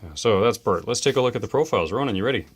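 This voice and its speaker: A man with a fairly low, slightly rough voice and lively intonation hosts a tabletop wargame channel. He chats casually and enthusiastically about models, dice and rules, tossing in quick asides.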